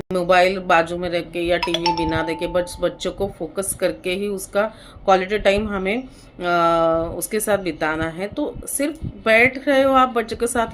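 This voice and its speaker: An Indian woman psychologist and counselor explaining parenting tips in a steady, explanatory manner. She mixes English terms into her speech and pauses on fillers now and then. Her voice sits at an ordinary pitch, with a faint hiss behind it. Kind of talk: parenting advice talk.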